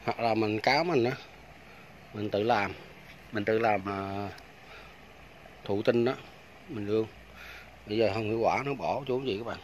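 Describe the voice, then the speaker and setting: A vlogger films a walking tour of a rural farm by fish ponds on his phone, chatting casually and unhurriedly with viewers he keeps calling aunts, uncles and friends. His voice is lowish, he pauses often, and there's a little hiss or hum.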